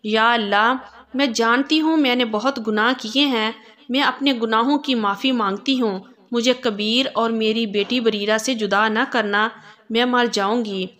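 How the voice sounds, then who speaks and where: A woman's voice: a little high, steady tone, fairly bright tone, lightly acted. A woman voicing a pleading young mother. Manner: pleading, sobbing delivery. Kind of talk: storybook narration.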